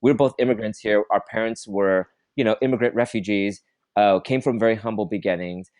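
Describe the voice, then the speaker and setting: A man's voice: on the low side, steady tone, a little fast, darkish tone, no echo. A man hosting a casual podcast interview, talking with lots of energy and enthusiasm and many fillers and restarts. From Vietnam. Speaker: podcast host.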